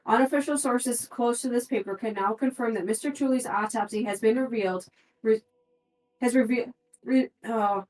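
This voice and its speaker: Talking through clues in a tabletop game, a woman reads handouts aloud and occasionally stumbles over the wording. Her voice is a little high and a little mellow at normal speed, captured far from the mic in an echoey room.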